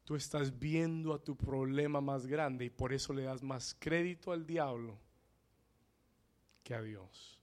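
A man preaching a sermon, repeating his lines in English after Spanish and building into shouted declarations of prayer, calling on the congregation to respond. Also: mid-range voice, unhurried.

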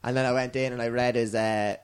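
A male co-host with an Irish accent chats casually about sport. His voice is of medium pitch, and his talk is colloquial and bantering. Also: flat delivery, a little fast, clean tone. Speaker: podcast co-host.

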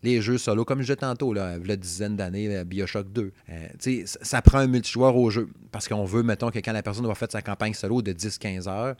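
A man's voice: on the low side, fairly quick, hardly any pauses, a little mellow, no echo. A man with a Québécois French accent, hosting a casual video game podcast and rambling chattily with lots of fillers. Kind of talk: casual chat.

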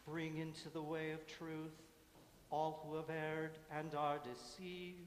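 A worship leader chants a litany prayer slowly and in a measured monotone, his slightly high voice holding one nearly unchanging line. The mic sits far off in a large church, so long reverb surrounds him, with faint ambience and a little hiss or hum behind.

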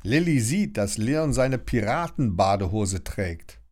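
A man narrating a children's storybook in an animated, expressive way. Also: on the low side, measured pace.

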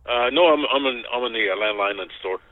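A man's voice: medium pitch, quick pace, dry recording. A man in his sixties, a store cashier, answering interview questions politely over a landline phone from the store. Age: 60s. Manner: polite, says "yes, sir" often. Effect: heard over a landline phone. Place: convenience store. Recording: tinny dry phone line.

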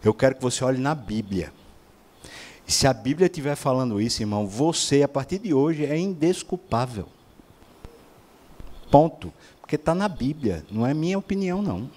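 Lively man preaching a sermon. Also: mid-range voice, normal speed. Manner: animated, rhetorical questions, mimics voices.

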